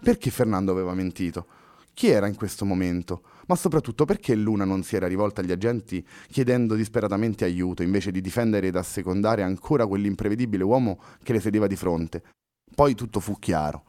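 A man narrating a novel in a steady, measured audiobook reading. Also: fairly low pitch, dry recording, clean studio sound.

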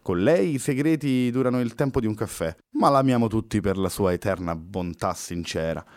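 A man's voice: low-pitched, fast, no echo, studio quality, natural voice. A man reading a story aloud, voicing a cheerful, wry male poet who rescues the others. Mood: upbeat. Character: poet hero, upbeat and ironic.

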